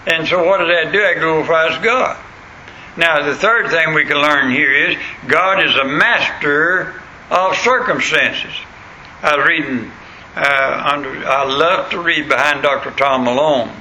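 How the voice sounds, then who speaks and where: A man's voice: fairly high pitch, measured pace, pushed and bright. A man with a rural American accent and a plain, untrained country voice, preaching a folksy sermon with stories, scripture and questions to his listeners. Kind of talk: sermon with anecdotes and scripture reading. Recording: clearly noisy recording.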